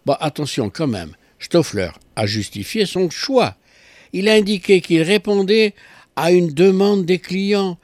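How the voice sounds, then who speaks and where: Lively ironic male radio columnist. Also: a little high, no room sound. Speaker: consumer affairs columnist.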